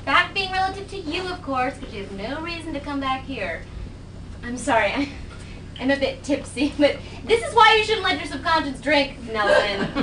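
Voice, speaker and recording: Stage play: actress as a blunt, tipsy, mocking friend; high, animated and bright, recorded distant in a roomy house. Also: female voice, a little fast, few pauses, heavily acted. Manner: sharp, scolding and sarcastic. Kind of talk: live stage acting. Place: small theatre stage. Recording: distant echoey stage recording, faint noise.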